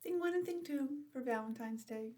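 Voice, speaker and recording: Pitched high, animated and brisk, her voice has a dark tone. Indoors at home, speaking into a laptop, the early-years teacher walks young children through an interactive calendar lesson by video call, with questions and chatty asides.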